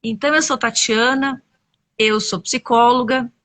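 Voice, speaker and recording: A woman's voice: fairly high pitch, measured pace, a bit bright. A woman, a storyteller and psychologist, narrating expressively over a video call webcam.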